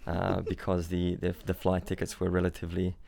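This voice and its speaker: His voice is low-pitched, gravelly and warm, delivered in a monotone that runs a little fast. The young man, a Swiss-born startup founder raised in Australia, is a podcast guest in London having a casual interview chat, often repeating words and restarting sentences.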